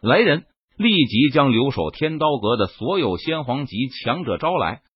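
Male narrator as commanding sect deputy leader, stern and clipped, husky, dry dull recording. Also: medium pitch, very animated, moderate pace, no room sound.

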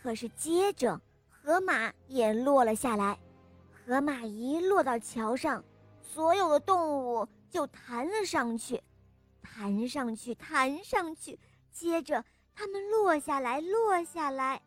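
A woman narrating a children's story with a lively, expressive reading. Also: high voice, slow pace, soft background music.

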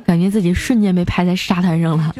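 A woman hosting a comedy show, reading listener jokes aloud. She talks with a lively manner, jumps up in pitch for quoted lines and laughs along. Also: fast, over music. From China.

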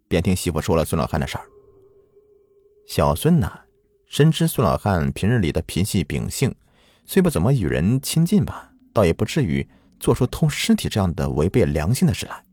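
Male folk-tale narrator, very low and animated, dry close sound. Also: breathy edge, no echo. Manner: dramatic, lilting storytelling. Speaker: storyteller. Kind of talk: folk ghost story narration.

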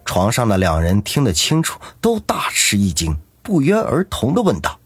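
A man narrating an audiobook in a lively, dramatic storytelling manner. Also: lowish voice, moderate pace, breathy edge, no echo.

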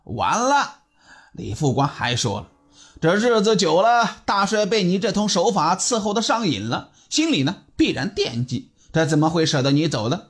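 A man's voice: sits high, big pitch swings, normal speed. A man voicing a cold, menacing burly male army officer who sneers as he talks.

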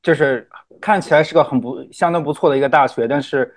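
A man's voice: on the high side, fast talker. A man from mainland China speaking casually and reflectively, repeating words as he searches for phrasing. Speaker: guest teacher.

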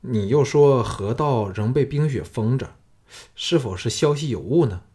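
Man voicing a relaxed, wry swordsman hero. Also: mid-range voice, unhurried, husky.

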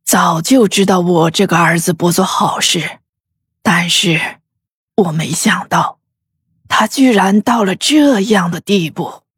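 Woman reading a grieving old lady of a noble house, slow weary sighs, husky, dry close sound. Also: on the low side, dry recording, heavily acted. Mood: weary lament. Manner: slow, sighing, weary and breathy. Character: grieving old noblewoman, bitter about her son. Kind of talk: audiobook character voice.

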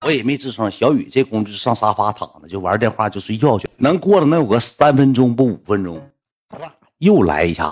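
A man's voice: fairly low pitch, animated, brisk, a little mellow, breathy edge. A man with a Northeastern Mandarin accent telling a funny anecdote in a rambling, repetitive, colloquial way with some swearing. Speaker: storyteller. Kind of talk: casual anecdote storytelling.

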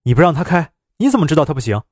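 A man voicing a gentle middle-aged woman doctor who speaks urgently and pleadingly, in a storybook reading. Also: medium pitch, sing-song, a little fast, breathy edge, no echo, studio quality. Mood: defiant.

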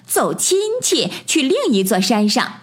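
Woman doing a high chirpy little boy bunny. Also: big pitch swings, normal speed. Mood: proud. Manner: bright, boastful childlike chirp. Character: eager young boy bunny, cheerful and brave.

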